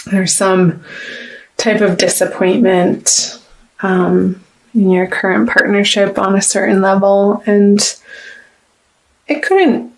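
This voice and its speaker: Slow, gravelly-voiced woman reading tarot. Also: mid-range voice, low-quality recording. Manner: slow, halting, with many restarts and ums; soft and reflective, pausing to consult the cards. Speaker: tarot reader. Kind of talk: casual tarot reading to camera.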